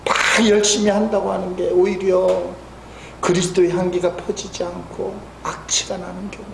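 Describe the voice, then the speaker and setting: Gravelly high-voiced male pastor preaching. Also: flat delivery, moderate pace, a little hiss or hum. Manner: storytelling, swings between soft asides and loud emphatic peaks. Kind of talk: sermon. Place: church sanctuary. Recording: echoey church hall.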